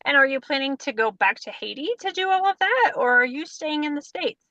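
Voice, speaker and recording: A woman's voice: high voice, lively intonation, a little fast, sharp tone, no room sound, highs cut off. A woman interviewer asking friendly, encouraging questions.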